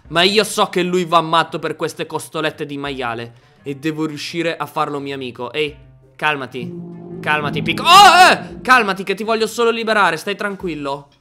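A young man with an Italian accent narrates his gameplay with an animated, excitable delivery. His voice sits high and sounds bright. He yelps and shouts at the action, with faint music behind him. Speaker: Minecraft YouTuber.

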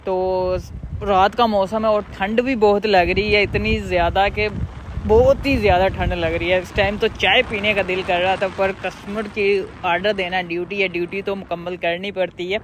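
A man narrates his food delivery ride outdoors at night, repeating himself and explaining each step plainly. His voice sits high but moves little in pitch. A faint hum of road noise runs behind him. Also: steady tone, moderate pace, low-quality recording. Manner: repetitive, chatty, explains steps plainly. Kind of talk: casual vlog narration while riding.

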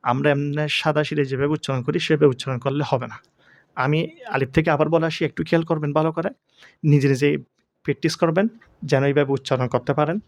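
A man teaching the pronunciation of Arabic letters for Quran reading. He asks questions and answers them himself, and he draws each letter sound out slowly. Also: on the high side, steady tone, no echo. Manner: slow, drawn-out letter sounds.

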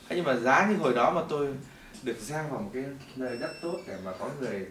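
A middle-aged man giving a testimony sermon in a church hall, telling his story in an animated way that swings between loud bursts and hushed moments. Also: mid-range voice, a little hiss or hum. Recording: echoey hall, mic at a distance.

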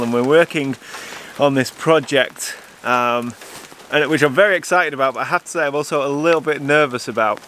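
A man in his thirties, a landscape photographer, chatting eagerly to a handheld camera outdoors in a rain forest. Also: a little high. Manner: enthusiastic, chatty, excitable. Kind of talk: casual vlog to camera. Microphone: camera mic, handheld close. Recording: heavy rain noise on the mic. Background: steady rain falling.

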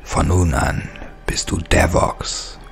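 Man doing a low raspy whisper, cruel inhuman bone creature, slow, horror story. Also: exaggerated voice. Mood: solemn. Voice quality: whispered, unvoiced.

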